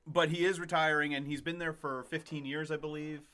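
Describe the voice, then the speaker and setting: A man with a bright, forceful, somewhat high voice chats casually as a podcast co-host. He is jokey and excitable and laughs often. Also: fairly quick. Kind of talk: casual chat.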